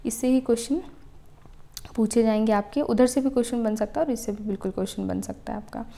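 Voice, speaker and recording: Woman teaching letters, mellow voice. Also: a little high, fairly even intonation, gravelly. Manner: explains step by step, repeating "ठीक है" to check understanding; sounds out letters slowly for pronunciation. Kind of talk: exam-prep Hindi grammar lesson.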